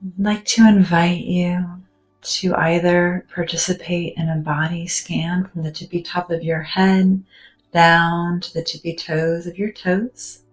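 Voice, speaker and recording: A woman with a low, unhurried voice leads a meditation, soft, gentle and soothing, leaving long, drawn-out pauses between phrases. At times she drops almost to a whisper. Faint music plays quietly in the background, and the audio quality is poor.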